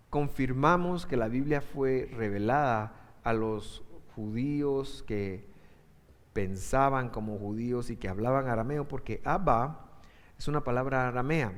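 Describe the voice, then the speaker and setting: A male pastor preaching a sermon emphatically, with sudden surges in pitch and loudness. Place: church. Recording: echoey hall reverb.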